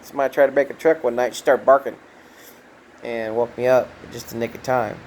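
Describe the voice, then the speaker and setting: Soft-spoken, halting man. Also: mid-range voice, fairly even intonation, a little hiss or hum, poor audio. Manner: soft-spoken, halting, many ums and restarts. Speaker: trucker vlogger. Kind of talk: casual heartfelt talk to camera.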